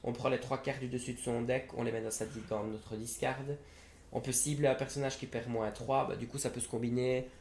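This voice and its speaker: A man's voice: mid-range voice, level tone, fairly quick, a little mellow. Hesitant man in an echoey room. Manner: hesitant, many fillers and self-corrections. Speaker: card game reviewer. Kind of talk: casual product review. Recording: roomy echo, faint background noise.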